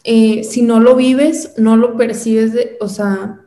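Slow, mellow-voiced woman interviewer. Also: on the high side, fairly even intonation. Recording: roomy echo.

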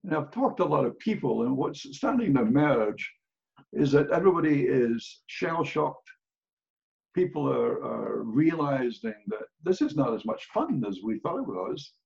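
A man's voice: mid-range voice, very animated, moderate pace, gravelly, a little mellow, highs cut off. An older man with a Scottish accent, speaking as a guest in a casual podcast interview, blunt and plain-spoken with dry humor. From Scotland.

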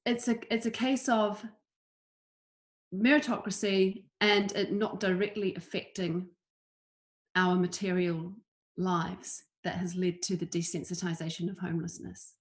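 A woman's voice: lowish voice, steady tone, measured pace. Woman, from New Zealand, campaigner, interview guest, earnest, emphatic.

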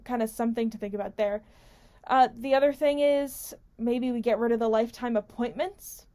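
A woman's voice: a little high, mellow. A woman hosting a talk radio show, giving casual, unscripted political commentary in a rambling, conversational way with emphatic stresses and frequent self-interruption. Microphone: studio-style microphone pulled close, with squeaky stand.

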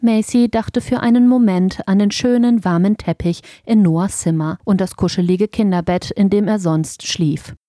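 A woman narrating a children's audiobook in a gentle, expressive storytelling manner. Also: mid-range voice, normal speed, hardly any pauses, no room sound, clean studio sound.

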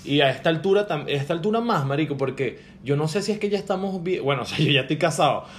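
A young man with a Venezuelan accent, chatting casually and acting out quotes in slangy, animated talk. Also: a little high, quick pace, slight background noise. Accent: Venezuelan Spanish. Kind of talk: casual chat.

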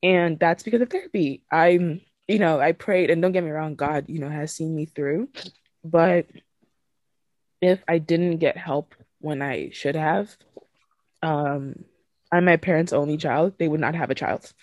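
Low-voiced young woman on a podcast. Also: unhurried, a little mellow, dry recording. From Nigeria. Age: 20s. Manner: frank and emotional, swears casually, laughs between thoughts. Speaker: podcast host. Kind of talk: candid podcast conversation.

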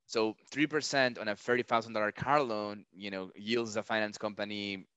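A man's voice: on the low side, steady tone, moderate pace, a bit bright, clean tone, no room sound, lo-fi sound. A man as a podcast guest, explaining finance step by step with frequent restarts. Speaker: startup founder guest. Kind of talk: casual interview chat. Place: lives in a large city.

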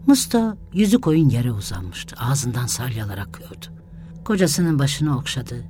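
Narrator for a sad village tale: calm, even delivery, middle pitch, light music bed. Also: unhurried. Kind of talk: scripted story narration.

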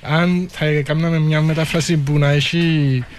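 A man with a Cypriot Greek accent, thinking aloud haltingly in an unscripted discussion. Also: fairly high pitch, steady tone, a little hiss or hum.

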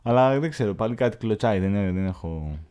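A man with a low, dark, mellow voice co-hosts a laid-back podcast. He talks casually, halting and restarting often as he searches for words. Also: lively intonation, clear, resonant tone. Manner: chatty, halting, many restarts and fillers. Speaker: podcast co-host, comedian. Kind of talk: casual chat.

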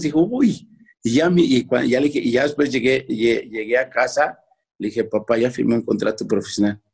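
A man's voice: mid-range voice, creaky, husky. A man with a Mexican accent, a former footballer, tells stories from his youth in a casual interview. He rambles with many restarts and acts out his parents' voices. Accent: Mexican Spanish.

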